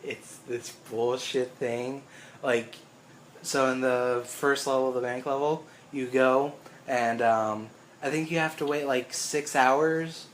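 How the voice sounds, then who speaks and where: A man's voice: medium pitch, fairly even intonation, slow. A young man hosts a loose chat about video games, wandering off on tangents and swearing casually. He laughs often as he talks. A faint hiss of background noise sits under his voice. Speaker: co-host.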